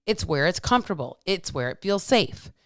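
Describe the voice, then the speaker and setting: A woman of about forty with a clear, smooth voice in a dry, close recording. She is wearing retainers, which slightly alters her speech. She talks like a candid podcast host, casual and emphatic, with swearing and repeated phrases. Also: lowish voice, sing-song, normal speed, no room sound. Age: around 40. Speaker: podcast host, health coach. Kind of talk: casual solo monologue telling a story with lessons.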